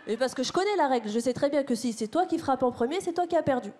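A woman performing a stand-up comedy set on a theater stage, talking to the crowd in an animated, slangy way. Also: high voice, quick pace. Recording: live theater with loud crowd noise. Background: audience laughter.

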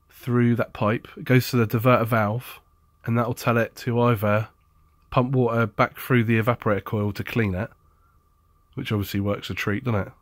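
Chatty tradesman, mid-pitched, blunt and jokey with some sarcasm, recorded close and dry for a DIY repair demo. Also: no room sound. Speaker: appliance repair technician. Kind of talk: casual how-to demonstration.

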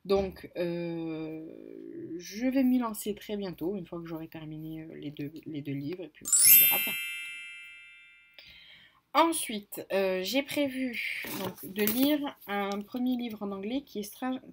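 A woman's voice: medium pitch, slow pace, background noise. A woman casually presenting her reading list, hesitant, with many fillers and self-corrections. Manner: apologetic about pronunciation. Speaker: book vlogger. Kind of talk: casual book haul chat.

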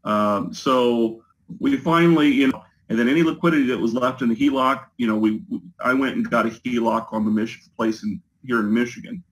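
A man's voice: medium pitch, normal speed, a little hiss or hum, low-quality recording. A man speaks over a choppy video call from his home office, giving a testimonial in an interview. He talks hesitantly, with many ums, you-knows and restarts. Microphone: video call with a poor connection.

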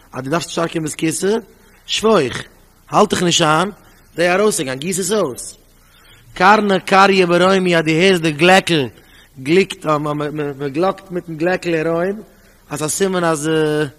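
A rabbi with a fairly high voice teaches a Talmud study class in an animated way. He reads the source text aloud, explains it and asks rhetorical questions, all under a long, hall-like reverb.

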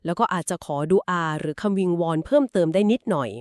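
A woman co-hosting a podcast, calmly and patiently explaining things step by step. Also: fairly low pitch, fast talker, dry recording, studio quality. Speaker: podcast co-host explaining Quran etiquette.

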